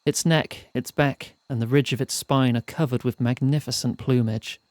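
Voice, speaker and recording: A man streaming a fantasy role-playing game, reading its text aloud in measured storytelling style and chatting between passages. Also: medium pitch, fairly even intonation, darkish tone, no echo.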